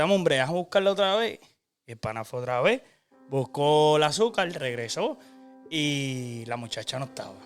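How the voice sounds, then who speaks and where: A man's voice: mid-range voice, fairly bright tone. A young Puerto Rican man hosting a casual chat, rambling through a spooky tale with restarts and laughs. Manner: rambling, many restarts and fillers, laughing often. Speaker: host.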